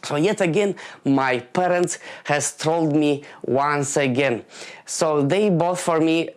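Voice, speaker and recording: Halting and filled with restarts and filler words, the stand-up monologue comes from a Moldovan man in his late twenties. His voice is a little high.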